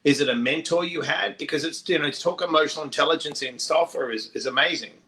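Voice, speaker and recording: A man's voice: on the high side, fast, pushed and bright. A man co-hosting an interview, enthusiastic and affirming toward his guest. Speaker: co-host. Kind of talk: casual interview talk.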